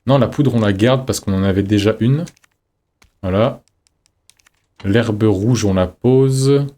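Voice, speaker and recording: Low, mellow-voiced man streaming. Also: slow. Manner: chatty, reads in-game notes aloud, jokey asides. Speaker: streamer playing a horror game. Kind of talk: casual let's-play commentary.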